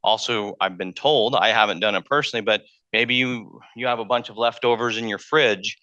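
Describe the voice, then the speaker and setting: A man lectures to a college audience in a relaxed, conversational way, often repeating a word as he gathers his thoughts. His voice is bright and pointed, and the sound comes through dull and lo-fi, with little room echo. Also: on the low side, brisk. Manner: conversational, thinks aloud, repeats words. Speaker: math lecturer. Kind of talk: public lecture. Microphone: handheld mic.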